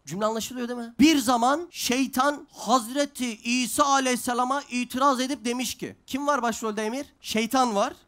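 A man's voice: very high-pitched, fairly even intonation, fairly quick, few pauses, a bit bright. A man giving an earnest religious talk with personal stories, questioning his listeners by name and checking they follow. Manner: checks understanding with tag questions. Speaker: preacher at a youth center.

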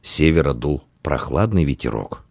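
A man narrating an audiobook with expressive storytelling. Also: rumbling low, moderate pace, no room sound, studio quality.

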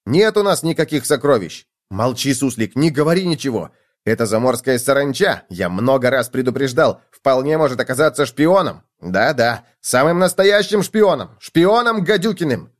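A man voicing a grumpy, suspicious male bedbug prince in a children's storybook, in a whiny, shrill, indignant tone. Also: very animated, moderate pace, few pauses. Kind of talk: storybook reading.

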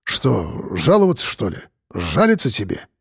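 A man voicing a rough, evasive middle-aged working man who grumbles and mumbles in halting speech. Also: on the low side, wildly swooping pitch, no echo, clean studio sound, voice pushed down, heavily acted. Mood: grumbling.

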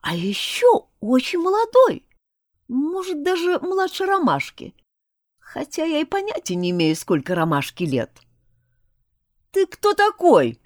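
Expressive woman narrating an audiobook. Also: high voice, a little slow, no echo, clean studio sound. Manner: wry and expressive. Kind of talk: first-person audiobook narration.

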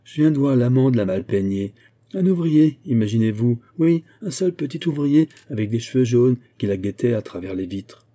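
A man voicing a scandalized young female shop clerk in a storybook, shrill and indignant. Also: animated, normal speed, mellow, no room sound, lightly acted.

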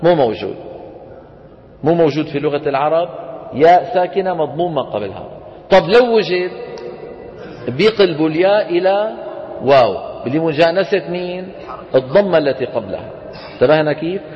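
A man's voice: a little high, animated, fairly quick, pauses often. A man with a Levantine Arabic accent teaching a class, often stopping to quiz his students. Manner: quizzes students with frequent questions. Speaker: Quran recitation teacher. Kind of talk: classroom lesson. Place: lecture room with students. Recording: dull lo-fi recording in a reverberant hall.

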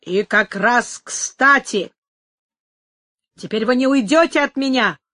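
A woman's voice: high voice, measured pace, a bit bright, no echo, clean studio sound. A woman voicing an impassioned young nobleman. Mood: defiant. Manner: impassioned, pleading and exclaiming. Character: passionate young nobleman lover. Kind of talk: dramatic audiobook reading.

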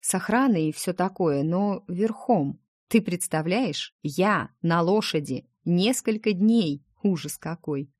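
A woman's voice: fairly low pitch, lively intonation, slow, few pauses, darkish tone, no room sound, clean studio sound. A woman reading the part of a chatty, playful young heroine in an audiobook, wheedling her dragon friend.

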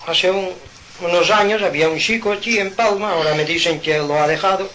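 Man, informal spiritual talk, animated preaching, rhetorical questions, bright tense voice, somewhat high. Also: brisk, a little hiss or hum, low-quality recording. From Mallorca, Spain. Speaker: spiritual speaker. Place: home.

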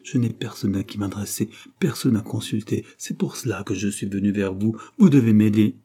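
A man's voice: moderate pace, dark tone, close to an everyday voice. A man reading an audiobook, voicing a frantic, ruined middle-aged woman who pleads insistently for help. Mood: desperate pleading. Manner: shrill, hand-wringing, insistent.

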